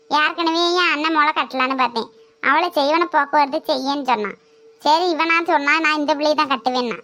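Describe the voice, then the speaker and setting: A woman's voice: high voice, fairly bright tone. A woman playing a nagging older mother-in-law who scolds and complains bitterly in a family skit. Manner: complaining, scornful rant.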